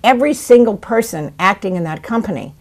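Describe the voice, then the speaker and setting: A woman in her seventies, an actress and playwright, telling stories in an animated, theatrical way during an interview. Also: mid-range voice, brisk. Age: 70s. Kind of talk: interview conversation.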